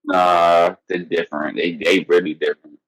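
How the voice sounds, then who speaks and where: A man's voice: low-pitched, little pitch movement, normal speed, a bit bright, no echo, rough recording. A man in a casual chat, rambling in a laid-back way through lists of his friends. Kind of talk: casual banter.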